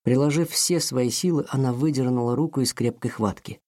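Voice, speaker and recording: A man narrating a romance novel aloud in an expressive storytelling manner. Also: mid-range voice, fairly quick. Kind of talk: audiobook narration.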